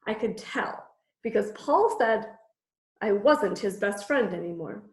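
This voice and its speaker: A woman reading a picture book aloud to children in an animated, expressive bedtime-story style with dramatic emphasis. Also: medium pitch, a little slow. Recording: echoey room.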